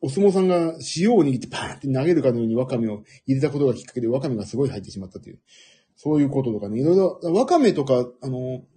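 A middle-aged man with a husky voice hosting a casual, rambling audio stream in a self-deprecating manner. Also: medium pitch, lively intonation, very fast, dark tone. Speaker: audio livestream host.

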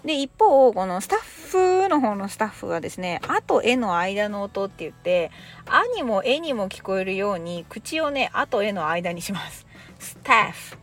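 Lively Japanese woman teaching English. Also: medium pitch, moderate pace. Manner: lively, chatty explaining with casual dialect. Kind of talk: podcast English lesson.

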